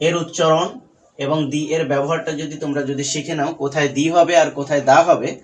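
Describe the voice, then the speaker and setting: Young guy tutor, slightly high voice, patient, repeats stuff and asks the class questions. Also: slight background noise. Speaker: English teacher. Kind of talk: online grammar lesson.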